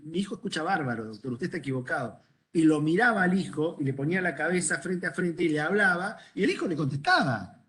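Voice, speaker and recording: A fairly high, somewhat bright voice belongs to a middle-aged ENT doctor with a Rioplatense Spanish accent. In a conversational lecture to medical students, he asks the class questions and shares stories from his practice.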